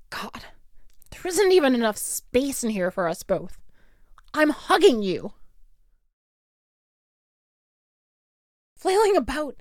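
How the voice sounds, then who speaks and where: A woman's voice: sits high, no room sound, clean studio sound, exaggerated voice. A woman playing a hot-tempered, sarcastic teenage school bully in an audio role-play, with a taunting, theatrical drawl. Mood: exasperated, flustered. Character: snarky, hot-tempered school bully girl, grudgingly softening.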